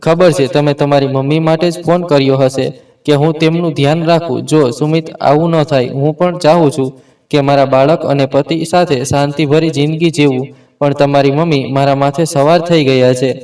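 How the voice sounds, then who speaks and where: A man's voice: fairly high pitch, steady tone, normal speed, darkish tone, recorded from a distance, close to an everyday voice. A man voicing a bitter young wife. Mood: aggrieved. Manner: complaining, defensive. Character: resentful young wife, sharp-tongued. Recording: voice set back from the mic.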